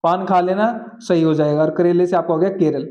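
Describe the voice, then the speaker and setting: A man teaching general-knowledge memory tricks, repeating key phrases slowly and often checking that students follow. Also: high voice, steady tone, muffled recording. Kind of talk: exam-prep lesson with memory tricks.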